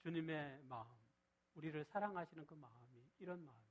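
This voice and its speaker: A middle-aged man preaches to his congregation, his voice sitting a little above the usual male register. He keeps asking questions and answering them himself. He leans hard on key words, then drops to a quiet, low delivery when he reads scripture. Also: quick pace, slightly rough, highs cut off. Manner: shifts between loud stress and soft low reading. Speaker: pastor. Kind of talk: sermon.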